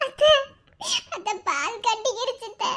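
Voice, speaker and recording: A woman's voice: very high-pitched, sing-song, normal speed, fairly bright tone, heavily acted. A woman voicing a young village wife and new mother in a cartoon, pleading in a whining way, with a Madurai accent. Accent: Madurai Tamil.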